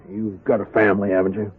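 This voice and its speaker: With a fairly low pitch and a breathy edge, a man performs the role of a stern, paternal prison warden in a radio drama. The lecturing is hearty and impatient, and the old broadcast sounds muffled and tinny.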